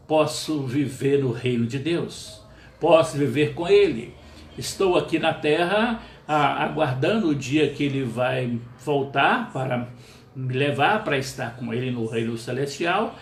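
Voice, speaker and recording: A man preaching a sermon as pastor, earnest and measured, pausing often with small fillers. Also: a little high, reverberant, a little hiss or hum.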